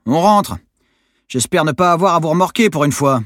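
A man voicing an exasperated adult sailing instructor who scolds loudly in a storybook reading. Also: on the high side, expressive, moderate pace, no room sound, voice pushed up. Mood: shouting. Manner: loud, scolding and shouty.

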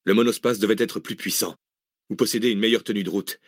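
Low-voiced man narrating an audiobook. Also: no echo, studio quality. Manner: measured, steady reading.

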